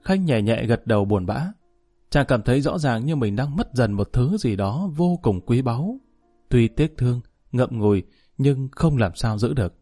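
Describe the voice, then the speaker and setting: A man's voice: mid-range voice, expressive, moderate pace, dark tone. A man narrating a novel about street gangsters, reading the dialogue of the characters too. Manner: voices gangster dialogue in turns. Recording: faint guitar music behind.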